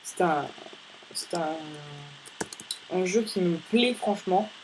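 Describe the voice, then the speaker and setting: A man's voice: sits high, slow pace, darkish tone, faint music behind, rough recording. A male gaming host giving casual, rambling let's-play commentary, chatting playfully with viewers between tasks.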